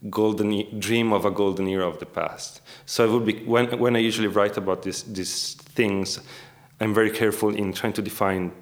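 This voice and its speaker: Low-pitched, careful academic man. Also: steady tone, a little fast. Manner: hesitant, careful academic phrasing with frequent rewording. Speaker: academic researcher, interviewee. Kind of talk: scholarly interview discussion.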